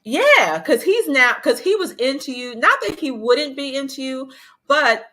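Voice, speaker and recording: Podcast host lady, bright punchy voice, animated chatty delivery. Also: sits high, a little slow. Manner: animated, acts out quotes in a raised voice. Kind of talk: casual chat about a reality show.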